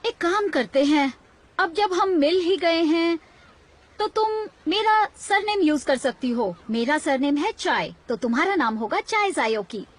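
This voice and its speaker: A woman's voice: sits high, animated, measured pace. A woman dubbing a pushy, money-minded young woman in a Hindi series, bossy and theatrical. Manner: bossy, wheedling, theatrical complaints.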